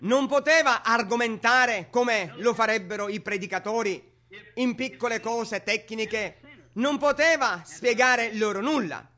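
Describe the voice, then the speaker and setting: A man's voice: very high voice, a little slow, sharp tone. A man preaching a sermon in an emphatic, repetitive way, on a dull lo-fi recording.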